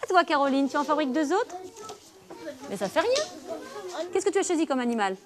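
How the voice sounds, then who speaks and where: A primary school teacher with a high, sing-song voice leads a reading lesson for young children, speaking a little fast. She is patient and encouraging and asks lots of questions, with children chattering in the background.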